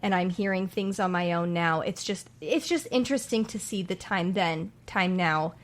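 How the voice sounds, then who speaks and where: A woman's voice: on the low side, normal speed. A woman in her twenties, co-hosting a podcast in casual chat, rambling and searching for words as she talks. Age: 20s. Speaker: podcast co-host.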